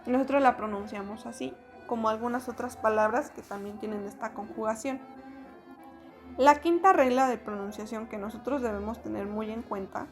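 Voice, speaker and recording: A woman explains a lesson in a slightly high voice, patient and unhurried, pausing on fillers as she goes. Soft music plays faintly behind her. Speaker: French teacher. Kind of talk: spoken lesson.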